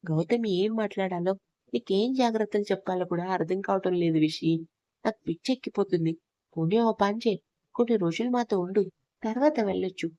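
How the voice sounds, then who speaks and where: A woman's voice: medium pitch, a little fast, mellow, dry recording, lightly acted. A woman voicing a fretful, worried middle-aged mother.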